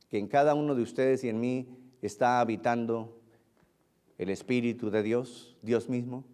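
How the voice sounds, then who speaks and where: A male pastor preaching a sermon, repeating phrases for emphasis and swinging between loud declarations and low, hushed lines.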